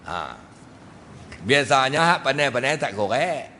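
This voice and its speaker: Lively Kedah-accented man lecturing in a mosque. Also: mid-range voice, measured pace. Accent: Kedah Malay. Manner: lively, joking, asks the audience questions. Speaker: religious teacher. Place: mosque hall. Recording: reverberant mosque hall, faint noise.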